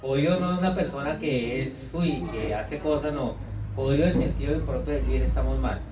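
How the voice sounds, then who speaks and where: A man's voice: mid-range voice, brisk, heavy background noise. Colombian man preaching in an echoey hall. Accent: Colombian Spanish. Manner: lively preaching, teasing the congregation with questions and mock quotes. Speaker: visiting pastor. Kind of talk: sermon. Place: church hall. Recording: echoey hall, mic far off, congregation audible.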